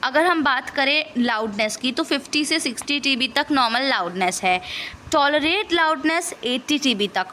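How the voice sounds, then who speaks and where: A woman teacher explaining a science lesson, mixing Hindi and English and slowly dictating answers. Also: fairly high pitch, pushed and bright, slight background noise.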